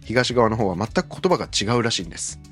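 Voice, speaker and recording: A man's voice: on the low side, big pitch swings, fast, fairly bright tone, soft background music. A man hosting a casual talk show, explaining history step by step with many fillers. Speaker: podcast host explaining Bible history.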